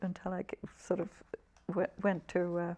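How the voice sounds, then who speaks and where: A woman in her eighties from England, a poet talking haltingly about her life and reading her own poems in an interview. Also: fairly low pitch, completely flat delivery, mellow. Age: 80s. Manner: halting, restarts often, vivid when reading. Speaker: poet guest.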